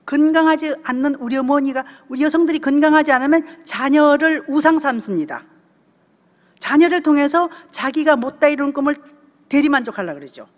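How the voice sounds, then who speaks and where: Older Gyeongsang woman speaking in a hall. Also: high-pitched. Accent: Gyeongsang Korean. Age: 70s. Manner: storytelling, often checks in with the audience. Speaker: church deaconess giving a family seminar talk. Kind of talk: conversational sermon talk.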